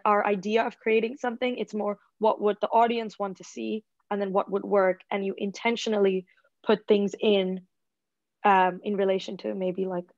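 A woman's voice: medium pitch, gravelly, darkish tone, no room sound. Woman, 21, from Singapore, casual student presenter, chatty filler-heavy talk, dry muffled call audio. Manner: chatty, lots of likes and ums. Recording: dull, lo-fi video call audio.

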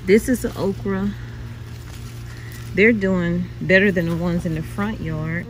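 A woman's voice: lowish voice, measured pace, a little hiss or hum, poor audio. A woman casually walking viewers through her backyard garden, chatty and exclamatory, calling them y'all. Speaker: home gardener vlogger.

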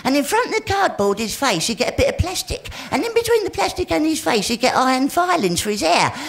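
A man with a squeaky voice performing a rambling stand-up comedy routine, punctuating his stories with "right?". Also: sing-song, fast talker, vocal fry. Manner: rambling punchy storytelling with "right?" tags. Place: live comedy stage before an audience. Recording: live show with loud crowd laughter and music.

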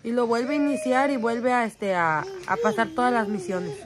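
Chatty mom vlogging at home. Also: female voice, a little high, expressive, normal speed. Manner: chatty, teasing, swears casually. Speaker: vlogger and mother. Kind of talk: casual home vlog chat. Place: home bedroom.

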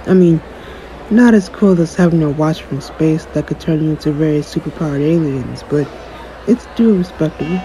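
His voice sits on the high side and sounds natural, moving at a moderate pace with background noise behind it. The man is acting out a one-sided audio roleplay as a smug, aloof young superhero, jaded and cocky, sarcastically dismissing a fan.

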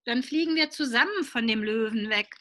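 A woman's voice: on the high side, normal speed, fairly bright tone, lightly acted. A woman voicing a distracted father who warns mildly from behind his newspaper in a picture-book reading. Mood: kindly. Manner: mild, absent-minded warnings.

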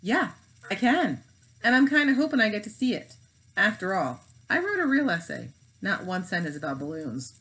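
A woman's voice: mid-range voice, big pitch swings, moderate pace, fairly bright tone, voice pushed up, rough recording. A woman reading aloud, voicing a blunt, knowing schoolgirl. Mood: teasing.

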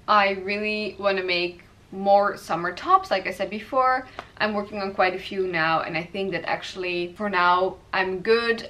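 A woman's voice: medium pitch, a bit bright. A woman, hosting a knitting podcast and rambling casually from her apartment with hesitant fillers.

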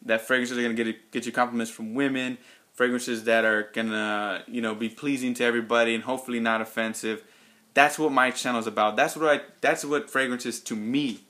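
A man with a Texan accent talks off the cuff in his own vlog, stopping often for ums and uhs and restarting his sentences. His voice has a bright, forward edge at an ordinary middle pitch. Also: fairly even intonation, brisk. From Texas. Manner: rambling, many ums and restarts. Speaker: fragrance reviewer. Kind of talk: casual unscripted vlog response.

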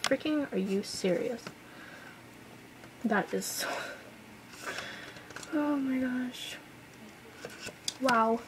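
A young woman with a fairly high voice gushes over an unboxing, drawing her words out slowly. She exclaims often and now and then drops to a whisper. Her camera mic picks up a clear hiss of room noise. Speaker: vlogger unboxing an album. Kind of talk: excited unboxing chatter.

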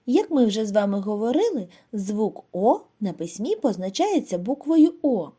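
A Ukrainian woman teacher giving a scripted lesson to young children, in a slow, clear, sing-song way. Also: mid-range voice, very animated, dark tone. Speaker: primary school teacher.

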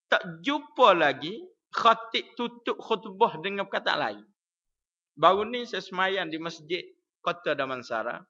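Malaysian male religious teacher, lively and teasing, very bright tone, dull lo-fi stream sound. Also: high-pitched. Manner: lively, teasing the audience with questions, chants verses slowly. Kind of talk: evening mosque lecture. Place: prayer hall.

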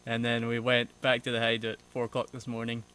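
A young man explaining bushcraft in a relaxed, casual way, outdoors in a forest on an action camera. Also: medium pitch, a little fast, smooth, rough recording. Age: young adult. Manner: relaxed, explanatory, dry humor. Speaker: vlogger. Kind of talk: casual outdoor vlog narration.

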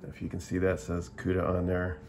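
Heavy background noise surrounds a middle-aged product reviewer whose low voice is completely flat and brisk. Seated indoors and filming the tabletop, he rambles casually through a plainspoken show-and-tell, often restarting sentences.

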